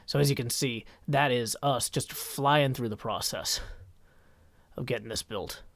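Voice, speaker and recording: A man hosting a casual livestream in a raspy, strained put-on voice, chatting and reading viewer comments into a boom mic. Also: a little slow, a bit bright, no room sound. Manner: rambling, chatty, talks to chat while working on a build. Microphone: boom microphone.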